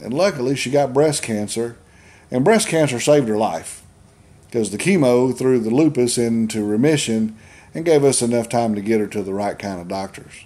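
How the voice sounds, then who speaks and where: A man in his fifties with a Southern US accent, telling funny family stories in a folksy, deadpan way and acting out the quotes. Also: mid-range voice, normal speed. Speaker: storyteller. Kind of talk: stand-up storytelling.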